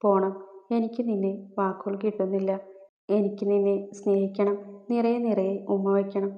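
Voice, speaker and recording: An eager, playful young man in love, as a woman narrator reads him. The delivery is even and unvaried, heard in a roomy, dull-sounding recording. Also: medium pitch, moderate pace, natural voice. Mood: warm. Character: young village man, lovestruck and teasing.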